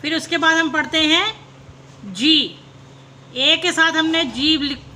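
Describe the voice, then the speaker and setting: A woman teacher, slowly spelling out letters and sounding them one by one in a phonics lesson for young learners. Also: high-pitched, pushed and bright.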